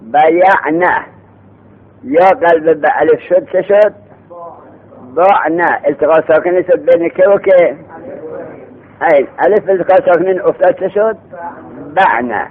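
A man teaching a lesson on grammar who quizzes his students and answers his own questions. He slows down to read the text aloud, then speeds up to explain it. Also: a little high. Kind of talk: Arabic morphology lesson. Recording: tinny phone-like sound.

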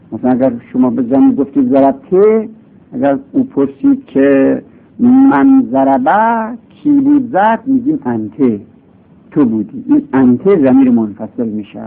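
Gravelly man lecturing over a tinny line. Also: fairly high pitch. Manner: explains patiently, repeats examples, voice leaps up for emphasis. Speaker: teacher of Arabic grammar. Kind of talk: classroom lecture. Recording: tinny lo-fi phone-like recording.

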